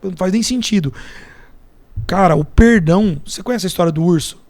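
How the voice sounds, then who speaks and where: Fairly quick and a little mellow, this high voice belongs to a Brazilian podcast guest, an entrepreneur and mentor. He has a Brazilian Portuguese accent and chats informally, telling anecdotes and parables with quotes he acts out.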